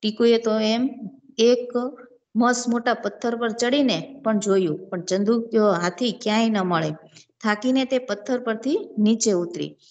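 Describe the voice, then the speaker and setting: A woman's voice: on the high side, a little slow, a little mellow, dull audio. A woman reading and explaining a children's story as a teacher, asking the listeners questions and then answering them herself.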